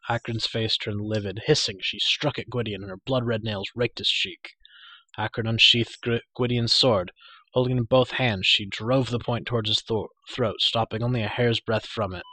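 Low, forceful male audiobook narrator. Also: normal speed, husky, no echo. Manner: steady dramatic storytelling, occasional slips. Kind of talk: audiobook reading.

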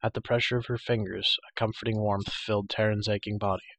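A man narrating a fantasy audiobook in a steady, dramatic storytelling manner with occasional slips. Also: fairly low pitch, fast talker. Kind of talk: audiobook reading.

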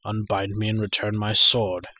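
A man's voice: on the low side, level tone, normal speed, bright, forceful tone, dry recording. A man voicing a defiant captive lord. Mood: scornful. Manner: scornful, commanding. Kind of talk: audiobook reading.

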